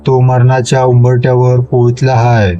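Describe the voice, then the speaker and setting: In a spoken horror story, a man voices a desperate village father pleading tearfully for his son's life in rural speech. His medium-pitched voice is dark and monotone at a moderate pace, lightly acted. Soft music plays behind him, and the high frequencies are cut off.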